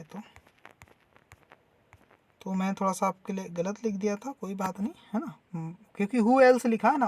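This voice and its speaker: A man teaching a school lesson, reading English lines slowly and then explaining them patiently in Hindi. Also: high voice, darkish tone. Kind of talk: explaining a textbook lesson to students.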